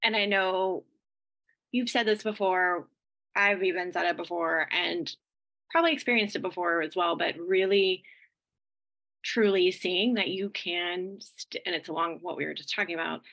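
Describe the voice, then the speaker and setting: A woman's voice: fairly low pitch, normal speed, creaky, a bit bright, poor audio. A woman in a group podcast chat as a mastermind member, talking candidly and rambling, swearing casually.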